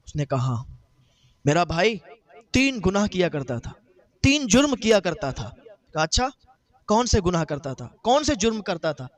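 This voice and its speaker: A man's voice: high voice, big pitch swings, pauses often. A man preaching in a sermon, telling a story with emotion and voicing the grieving brother's words.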